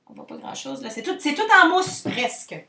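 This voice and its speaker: Bubbly québécois woman goofing around while cooking, high bright voice, echoey kitchen, mixer whirring. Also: wildly swooping pitch, brisk, creaky, recorded from a distance, noisy background. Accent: Québécois French. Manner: playful, sing-song, jokey, mixes English words. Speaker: vlog host cooking. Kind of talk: playful home cooking vlog. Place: home kitchen. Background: electric hand mixer whirring.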